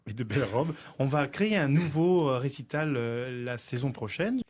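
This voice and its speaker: A man's voice: mid-range voice, expressive, moderate pace, a little mellow. Male singer guest, playful and jokey, live radio chat.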